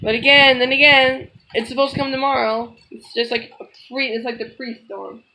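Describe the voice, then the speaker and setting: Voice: high voice, fairly even intonation, normal speed, poor audio. A person vlogging outdoors on a handheld phone, talking in an informal, rambling running commentary. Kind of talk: casual handheld vlog narration. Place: outdoors in windy, rainy weather. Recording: loud wind and rain noise on phone mic.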